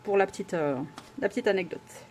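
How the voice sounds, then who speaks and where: A woman's voice: medium pitch, fairly quick, darkish tone, a little hiss or hum. A woman vlogger chatting casually while unboxing at home, gushing with exclamations and often hesitating.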